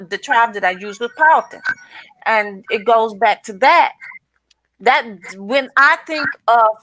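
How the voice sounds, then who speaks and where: A woman's voice: mid-range voice, pushed and bright, slight background noise, low-quality recording. A woman speaking thoughtfully in a casual discussion, often restarting her sentences. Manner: thoughtful, halting, with many restarts.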